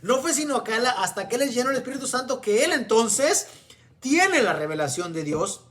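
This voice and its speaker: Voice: mid-range voice, sing-song, normal speed, a bit bright. Preacher explaining scripture, asking "¿verdad?". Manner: often asks the listeners "¿verdad?"; reads scripture aloud and explains it. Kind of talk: sermon with Bible reading.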